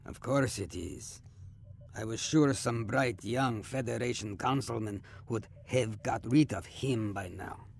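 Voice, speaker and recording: Guy doing a wry starship captain, creaky voice, teasing, faint ship noise behind him. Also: mid-range voice, a little slow. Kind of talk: science fiction audio drama acting.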